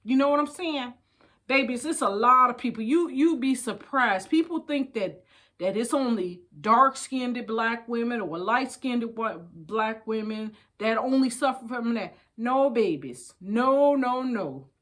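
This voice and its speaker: Her voice sits on the high side, expressive and measured in pace, with a fairly bright tone. As a storytime host, this older woman with an American accent chats and reads a book aloud, folksy and emphatic, addressing listeners as babies and repeating phrases.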